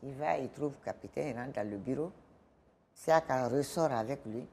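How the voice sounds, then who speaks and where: A woman's voice: a bass voice, moderate pace, creaky, warm tone, a little hiss or hum. A woman giving a personal testimony on a talk show, animatedly acting out the dialogue as she tells it. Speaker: guest.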